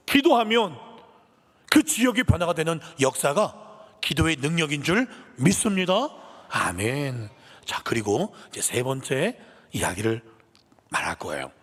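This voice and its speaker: A man's voice: medium pitch, slightly rough. A male pastor telling a story in a sermon for all ages, asking the congregation questions and getting them to answer. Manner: animated storytelling with call-and-response to the congregation. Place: church sanctuary. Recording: echoey church hall.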